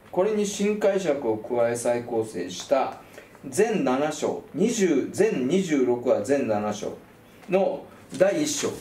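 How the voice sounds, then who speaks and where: Lively animated man in echoey room. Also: slight background noise. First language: Kansai dialect speaker. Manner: animated, jokey, lively pitch swings. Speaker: film commentary host. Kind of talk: casual film talk.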